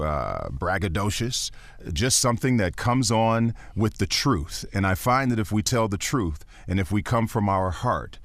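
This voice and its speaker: Appearing on a podcast, this voiceover actor and teacher talks in a warm baritone, sounding earnest, emphatic and encouraging. The audio is studio quality, with no room sound at all.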